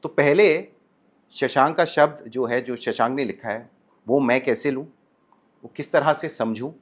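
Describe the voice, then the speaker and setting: Animated Indian man coaching on speaking. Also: medium pitch, measured pace. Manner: mixes Hindi and English, explanatory, animated. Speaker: communication coach. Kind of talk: podcast interview. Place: studio podcast set, indoors.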